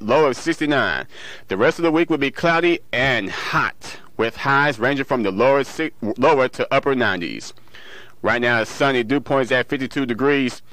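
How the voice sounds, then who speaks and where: Medium in pitch and fairly bright, a man's voice reads local radio news, sports and weather in a studio, in a local broadcast style marked by occasional stumbles and self-corrections. He is both newsreader and music show DJ. The audio is poor, with no room sound.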